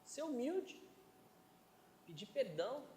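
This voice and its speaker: A man's voice: very high voice, big pitch swings, slow, warm tone, a little hiss or hum. A man preaching a sermon to a congregation, conversational, often asking them for agreement. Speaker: pastor. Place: church. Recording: echoey church hall, long reverb.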